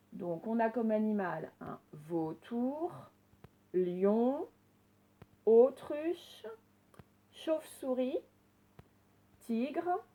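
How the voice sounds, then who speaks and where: Lady teacher, kinda high voice but mellow, says each word slow and clear for little kids. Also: low-quality recording. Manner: slow, clearly sounded-out words, gentle instructions. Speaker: primary school teacher. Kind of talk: recorded reading lesson for children.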